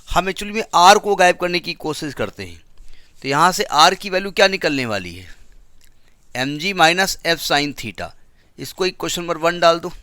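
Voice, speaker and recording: A male physics teacher with an Indian English accent lectures step by step and keeps quizzing his class. His voice is bright and a little high. The sound is dry and close. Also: dry recording. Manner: explains step by step, asks the class questions.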